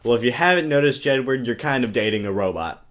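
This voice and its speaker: An amateur reader and comic commentator reads a novel aloud in a theatrical, exaggerated, mocking style, tossing in sarcastic comic asides. His voice is medium-pitched and fairly bright, with lively intonation and a fast pace, captured in a choppy amateur webcam recording.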